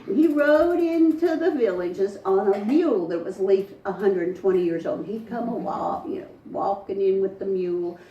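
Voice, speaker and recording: A woman's voice: medium pitch, normal speed, hardly any pauses, dark tone, lo-fi sound, a little hiss or hum. A woman storyteller, telling a folktale to a live audience in a folksy, dramatic way. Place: front porch event. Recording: echoey, distant mic, faint ambience.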